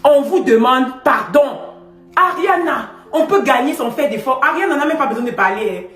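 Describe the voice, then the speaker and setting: A woman's voice: sits high, expressive, normal speed, a bit bright, echoey room. A woman giving emphatic, effusive live stream commentary, pleading and praising in turn.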